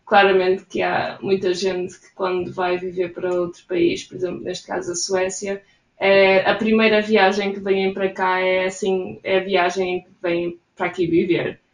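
A young woman from Portugal with a European Portuguese accent, chatting easily through interview answers and laughing softly now and then. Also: medium pitch. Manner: chatty, frequent soft laughs. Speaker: interviewee, immigrant in Sweden. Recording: roomy echo.

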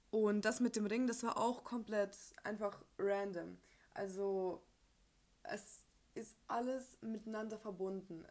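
Her voice medium in pitch and a little mellow, a young adult from Ukraine runs a relaxed personal podcast. She keeps it informal, mixing youth slang with snatches of English.

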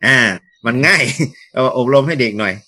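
A male schoolteacher telling stories in a casual interview, jokey and lively, slipping into acted quotes. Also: medium pitch, moderate pace.

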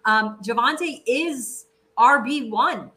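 A woman's voice: on the high side, slow, pushed and bright. A woman co-hosting a sports show, chatting casually through a ranked countdown and often saying "like". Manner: conversational, frequent "like".

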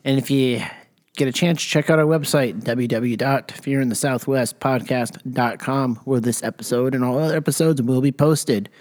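A man's voice: medium pitch, moderate pace, a little mellow. A man co-hosting a podcast in casual chat, joking and laughing often, while losing his voice. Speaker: podcast co-host.

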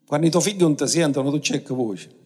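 A man's voice: on the high side, fast, darkish tone, breathy edge, long reverb tail. A man preaching a sermon as pastor, with dramatic swings of pace and emphasis.

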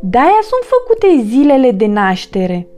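A woman's voice: sits high, huge pitch swings, mellow, soft background music. A woman doing a kindly little hedgehog. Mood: gentle. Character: small kindly hedgehog, thoughtful and generous.

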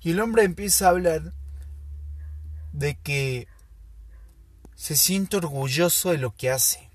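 A man tells a story in a slow, thoughtful way, full of pauses. His voice is somewhat high and a little husky. The recording is dry and close. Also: no room sound. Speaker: podcast host. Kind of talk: casual storytelling monologue.

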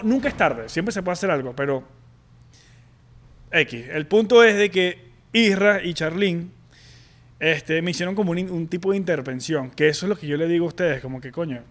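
High-voiced Venezuelan man telling a story. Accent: Venezuelan Spanish. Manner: candid, halting, full of slang and restarts. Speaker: podcast co-host. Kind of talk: casual personal storytelling.

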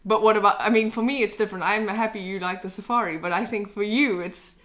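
A woman's voice: medium pitch, fairly even intonation, fast talker, a bit bright. A young woman from South Africa hosting a casual podcast, chatty and upbeat, asking her guest questions. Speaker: podcast host.

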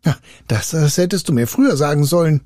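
A man's voice: fairly high pitch, dry recording, studio quality, voice pushed up, lightly acted. Man doing a cheeky, fearless young lad. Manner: quick, lively, unafraid. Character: fearless, cheeky young male woodcutter's son.

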